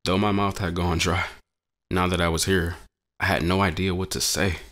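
A man telling a dramatic story in the first person, narrating with a measured, brooding delivery. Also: low-pitched, flat delivery, fairly bright tone.

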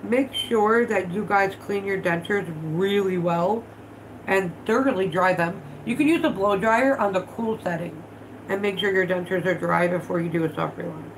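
Indoors in her living room, a woman in her thirties, congested from allergies, runs a casual vlog livestream, working with her hands while talking bluntly and cursing freely. Her voice is mid-range at a normal speed, and the rough recording carries a little hiss or hum.

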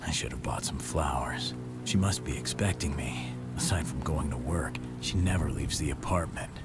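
A man's voice: extremely low pitch, normal speed, whispered, loud music behind the voice. An actor playing a short-tempered man with a shady job who snaps in anger and mutters his thoughts, in a video game. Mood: muttering. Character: guarded adult man, estranged son with a shady job.

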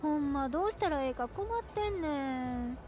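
An actress voicing a friendly young female hostess from Osaka in a video game, speaking with an Osaka accent in a soft voice. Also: sits high, expressive, moderate pace. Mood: chatty. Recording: game audio with background music.

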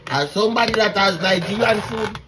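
A man's voice: high voice, fairly quick, background noise. A man from Jamaica hosting a casual comic food-tasting video, chatting playfully and asking viewers directly for help.

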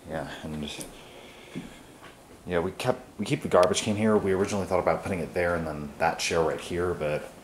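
A man's voice: low voice, fairly even intonation, fairly quick. A young man giving a casual, rambling tour of his family's house, filming on a handheld camera with lots of fillers. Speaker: vlogger. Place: carpeted family house indoors. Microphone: handheld camera mic. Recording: noisy handheld camera audio.

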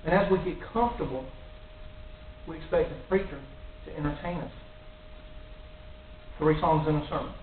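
A middle-aged lay preacher stands before a cross in a small church room, delivering an earnest sermon into a stand mic near his mouth and building to emphatic warnings. His fairly high voice moves at normal speed with frequent pauses. The recording sounds tinny, echoey, and distant, with faint hiss.

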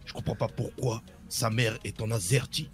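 A man's voice: mid-range voice, steady tone, normal speed, soft background music, close to an everyday voice. A man voicing a boastful Russian gangster rapper in broken French, with a put-on Russian accent. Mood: mock-proud. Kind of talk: improvised role-play voice.

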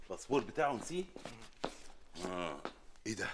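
A man's voice: on the low side, sing-song, a little fast, background noise. An actor with an Egyptian accent playing an exasperated, sarcastic man of the house. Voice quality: sarcastic and impatient. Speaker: actor in sitcom. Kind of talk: sitcom acting.

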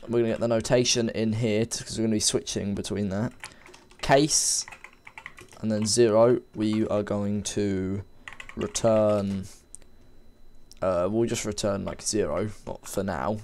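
There's slight background noise as a man with a lowish, slightly mellow voice leads a coding tutorial from his computer through a desk microphone. He's a game development tutor with a cold, a bit sniffly, and he talks in an informal, rambling way, often correcting himself while he types.

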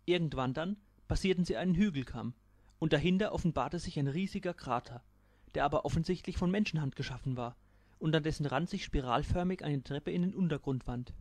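An author narrates the audiobook of his own humorous science fiction story in a dry storytelling manner. His voice is on the high side, fairly quick and a little mellow, with no room sound.

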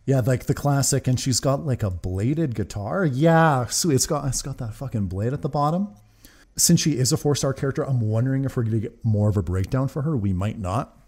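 Speaking into a large desk microphone up close, a man delivers sweary, casual and enthusiastic reactions as a video host. His mid-range voice is animated and brisk with a darkish tone, and he's indoors at a desk in a small room.

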